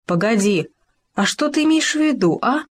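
A woman's voice: fairly high pitch, lively intonation, normal speed, husky, voice pushed up. A woman voicing a sly, scheming female fox in a storybook reading, talking in a sugary, wheedling way. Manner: sugary, wheedling, then fretful.

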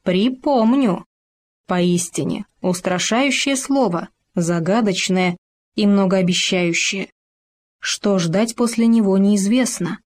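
A woman reads a fable aloud in an expressive storyteller's voice. Her pitch sits in an ordinary middle range, and she slows down to build suspense. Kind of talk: scripted fairy tale narration.

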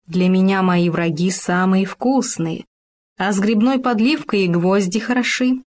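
A woman voicing a sly female fox in a storybook, sugary and sharp-tongued. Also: mid-range voice, steady tone, a little slow, natural voice. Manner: sugary, snapping.

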